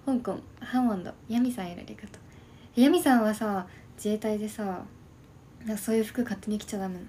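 Woman in her early 20s, casual live-stream chat, soft half-whispered delivery, mellow tone, streaming from home. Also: mid-range voice, quick pace, slight background noise. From Shimane, Japan. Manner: soft, quiet, often half-whispered talk. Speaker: livestream host. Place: at home by an open window.

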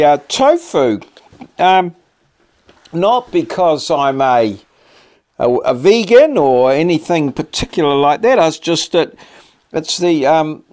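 A middle-aged New Zealand man talks to camera in a slightly high voice. His delivery is slow and halting, with a laconic, blokey turn of phrase, like casual chat over a meal. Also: a little mellow. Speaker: vlog host. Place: small cluttered home office, indoors.

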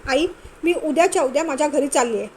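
A woman's voice: high voice, quick pace, slight background noise, lightly acted. A woman voicing a sulky young wife who complains tearfully and exaggerates. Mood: upset.

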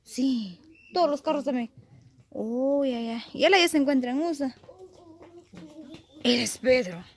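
A woman's voice: high voice, animated, measured pace, long pauses. A woman with a Guatemalan Spanish accent chatting casually as she vlogs and asks questions outdoors on a handheld phone. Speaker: vlogger. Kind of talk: casual vlog chat and informal interviewing. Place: outdoors in a rural hillside yard. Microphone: handheld phone behind the camera. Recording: noisy outdoor phone recording.

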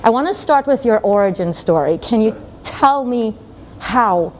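A woman's voice: on the high side, expressive, measured pace, darkish tone, slight background noise. Upbeat woman interview host. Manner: upbeat, welcoming. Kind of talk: interview hosting. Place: dim studio with armchairs.

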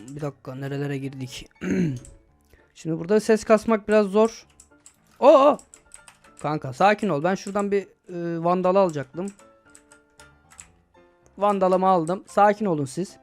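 Excitable young man with music behind. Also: fairly high pitch. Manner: excitable, swears and shouts at the game. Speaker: gaming YouTuber. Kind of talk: casual gameplay commentary.

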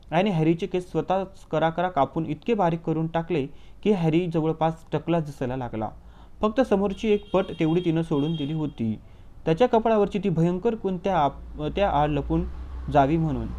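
A man narrating an audiobook in a lively, expressive reading style. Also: a little high. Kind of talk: storybook narration.

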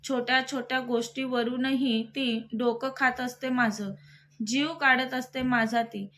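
A woman's voice: fairly high pitch, steady tone, a little slow, fairly bright tone. A woman reading the lines of a cheerful young man, the hero's best friend, who jokes and teases in a playful way. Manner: playful, joking.

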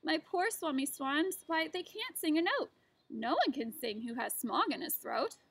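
A woman's voice: high-pitched, very animated, unhurried, creaky, fairly bright tone, no echo, voice pushed up, heavily acted. A woman voicing a small, fussy male forest creature who scolds in singsong rhymes during a storybook read-aloud. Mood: scolding. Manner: scolding, singsong rhyming delivery.

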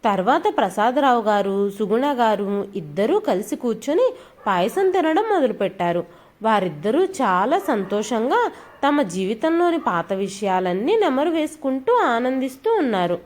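A woman narrates an audio storybook with expressive, animated delivery. Her voice sits a little high and moves lively through each sentence.

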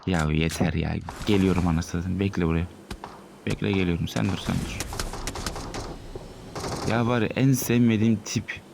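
A young man in his twenties from Turkey talks over his own shooter gameplay in a low-pitched voice. He is excitable and swears, and he bursts out loud at the enemies he sees. Game gunfire sounds clearly behind him. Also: moderate pace, long pauses, noisy background. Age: 20s. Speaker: gaming streamer. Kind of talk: live gameplay commentary.

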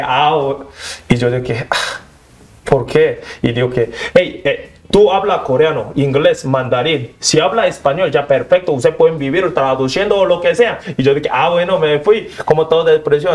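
A young man with a Korean accent, a Korean native speaker, telling animated stories as an interview guest in simple learner's Spanish and acting out the scenes. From South Korea. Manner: acts out scenes, jumps high for quoted lines, broken learner's Spanish.

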